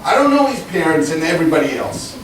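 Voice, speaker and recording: A man's voice: on the high side, very animated, quick pace. A man from Texas giving an indignant public comment at a town meeting, emphatic and full of pointed questions. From grew up in Texas. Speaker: resident speaking at a town meeting. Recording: echoey hall from far off, faint noise.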